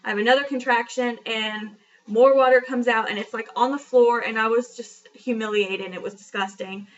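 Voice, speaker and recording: A young female vlogger tells a personal story in a chatty, frank, self-deprecating way, full of fillers. Her voice is fairly high and steady at a normal pace, recorded with dull lo-fi sound from a distance.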